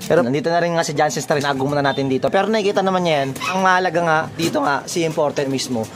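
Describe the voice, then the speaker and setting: A man vlogging about his racing pigeons outdoors, talking excitedly in a running commentary, sweaty and out of breath. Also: on the high side, rapid-fire, crowd noise. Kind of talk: casual vlog commentary. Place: outdoors at a backyard pigeon loft. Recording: noisy outdoor recording.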